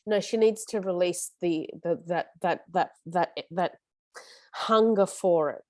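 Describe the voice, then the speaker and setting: Woman facilitator, low-ish mellow voice, dry close sound, earnest coaching tone. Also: a little slow, no room sound. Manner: earnest, coaching, stumbles over words. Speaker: support group facilitator. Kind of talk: casual group support session.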